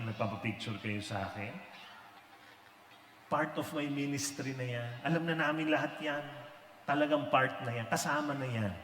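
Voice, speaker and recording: Bright-voiced man preaching in an echoey hall. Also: mid-range voice, slight background noise. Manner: mixes Filipino and English, jokey, acts out quotes. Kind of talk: humorous sermon with storytelling. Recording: echoey hall with faint ambience.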